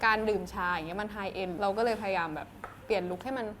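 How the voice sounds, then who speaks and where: Brief: young female cafe co-owner, rapid speech, clearly noisy background ambience. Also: medium pitch, fairly bright tone. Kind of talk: casual interview.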